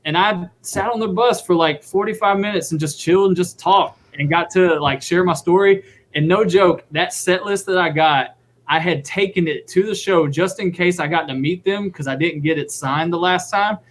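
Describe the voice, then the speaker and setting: Young adult male drummer, guest, animated storyteller, slightly raised pitch. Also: normal speed. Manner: excited, rambling, acts out quotes. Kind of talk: casual storytelling.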